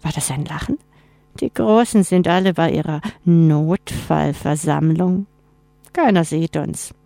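A woman's voice: sits low, unhurried, vocal fry, mellow, no echo, soft background music. A woman voicing a cruel, hungry night creature with a cold, gloating whisper.

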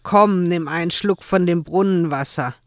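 Brief: a woman playing a calm, kind blacksmith, soothing tone, storybook. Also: fairly low pitch, moderate pace, no room sound, clean studio sound, close to an everyday voice.

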